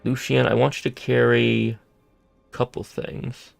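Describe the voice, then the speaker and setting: A man's voice: mid-range voice, little pitch movement, slow, gravelly, soft background music. A man giving casual gameplay commentary, muttering and thinking aloud as he loots. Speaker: gameplay streamer.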